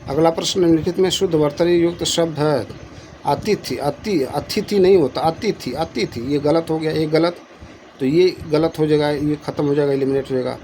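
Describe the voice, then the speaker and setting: A man's voice: a little high, fairly even intonation, normal speed, a little mellow, a little hiss or hum, low-quality recording. A man teaching exam questions in Hindi, reading each option aloud and repeating the answer, with coaxing asides.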